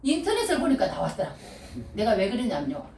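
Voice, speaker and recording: A middle-aged woman preaching a sermon, animated and repeating key phrases, often calling out hallelujah. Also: a little high, fast talker, a little hiss or hum. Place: church sanctuary. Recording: echoey room, voice from far off mic. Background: congregation responding.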